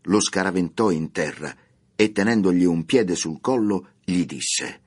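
Deep-voiced man narrating a radio tale. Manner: measured, expressive reading. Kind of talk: scripted radio story narration.

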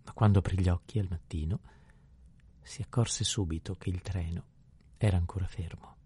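A man narrating an audiobook in a steady, measured reading style. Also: low voice, slightly rough. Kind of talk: scripted narration.

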